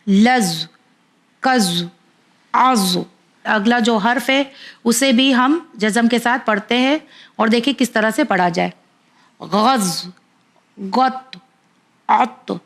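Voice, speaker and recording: A woman leads a children's pronunciation lesson with a somewhat high voice. She drills each sound slowly and patiently, one syllable at a time. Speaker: teacher.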